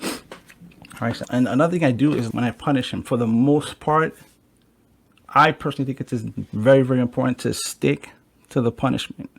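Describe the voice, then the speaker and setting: A man with a gravelly, creaky edge hosts a casual podcast. He chats loosely, swears freely and speaks straight to his viewers. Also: medium pitch, normal speed. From United States. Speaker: podcast host. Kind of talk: casual chat.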